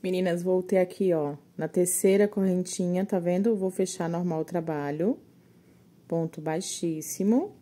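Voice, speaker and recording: A woman's voice: on the low side, moderate pace, mellow. A woman teaching crochet step by step, patiently counting stitches aloud and a little short of breath.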